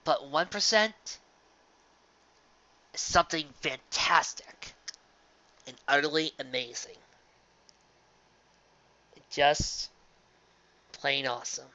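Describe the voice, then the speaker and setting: Reading fan fiction aloud for a live audience, this speaker adds earnest commentary in a halting, emphatic, sentimental style full of dramatic pauses. The voice is medium-pitched, expressive, bright and forceful, heard through a dull lo-fi home recording.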